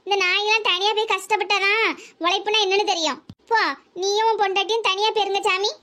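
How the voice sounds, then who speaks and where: A woman voicing a stern, sharp-tongued middle-aged village mother in a cartoon drama. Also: extremely high pitch, fairly even intonation. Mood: scolding. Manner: scolding, rapid-fire rebukes.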